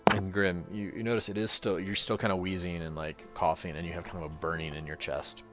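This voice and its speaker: A man from the United States working as game master, narrating casually and haltingly as he improvises. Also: sits low, level tone, a bit bright, faint music behind.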